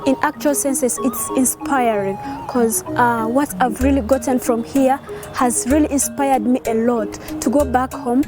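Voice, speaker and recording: Woman, from south sudan, high voice, earnest, music bed. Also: steady tone, measured pace. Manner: earnest, enthusiastic. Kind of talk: interview testimony.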